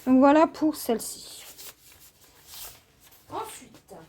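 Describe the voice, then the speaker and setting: A woman from France hosting a casual craft vlog, taking her time over each item. Her voice sits a bit high but sounds soft and mellow. She hesitates often, filling gaps with small fillers as she goes. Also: animated, a little hiss or hum. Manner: unhurried, hesitant with many fillers. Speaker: craft channel host. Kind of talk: casual show-and-tell vlog.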